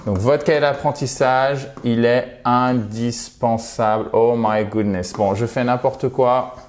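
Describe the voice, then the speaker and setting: A man gives an English lesson in in a chatty, lively way. His voice sits at an average pitch for a man, and he slows right down to sound out English words for his learners. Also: a little hiss or hum. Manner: lively teacher, spells out English words slowly for pronunciation. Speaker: English teacher. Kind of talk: video lesson.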